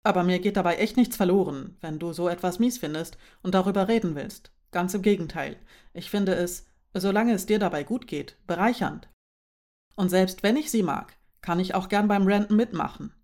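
A woman voicing Marim, a calm and supportive young man, with a reassuring storybook manner. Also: fairly low pitch, normal speed, natural voice.

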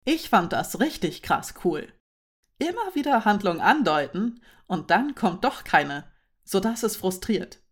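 A woman's voice: medium pitch, very animated, measured pace, husky. A woman voicing Anuka, an eager young friend explaining her ideas in a storybook reading.

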